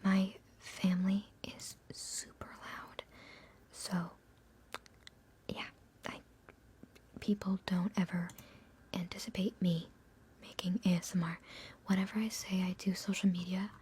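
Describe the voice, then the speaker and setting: A woman's voice: lowish voice, level tone, a little slow, pauses often, mellow, slight background noise. A young woman, an ASMR streamer, chatting and answering questions in a whisper, giggly and self-mocking. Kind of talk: whispered live Q&A ramble.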